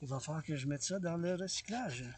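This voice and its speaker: Excitable Québécois man, high voice. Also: brisk, heavy background noise. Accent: Québécois French. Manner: loose and excitable, switches between French and English. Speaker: vlogger. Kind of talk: rambling walking vlog. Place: outdoors on a mountain path.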